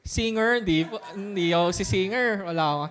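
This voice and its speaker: A man's voice: sits high, fairly quick, fairly bright tone. A man, a pastor, telling a personal story in a sermon, mixing in English words and often laughing as he talks. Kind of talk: sermon testimony.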